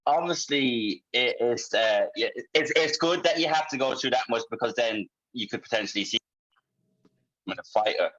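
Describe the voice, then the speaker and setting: An Irish man interviewing over a video call, asking halting questions while his voice keeps cutting in and out. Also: mid-range voice, lively intonation, fairly bright tone. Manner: hesitant, halting questions with fillers. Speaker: interviewer host. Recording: dull lo-fi call audio with dropouts.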